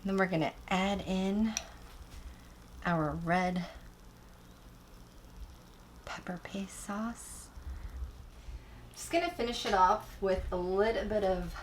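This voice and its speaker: A woman's voice: medium pitch, measured pace, a little hiss or hum, rough recording. A woman hosting her own cooking video, chatting enthusiastically to viewers as she cooks and tastes. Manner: chatty, enthusiastic, keeps addressing viewers as guys. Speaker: cooking channel host. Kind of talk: casual cooking demonstration.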